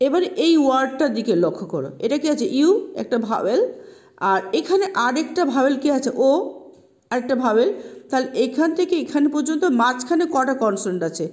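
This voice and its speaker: A woman's voice: sits high, very animated, a little fast, a little mellow. A woman teacher explaining English grammar patiently, repeating points and asking checking questions. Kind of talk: classroom explanation.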